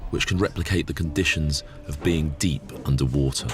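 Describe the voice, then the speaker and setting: A man narrating a science documentary as a calm, scripted voice-over. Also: rumbling low, fairly quick. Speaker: documentary presenter. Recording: voice-over over loud music.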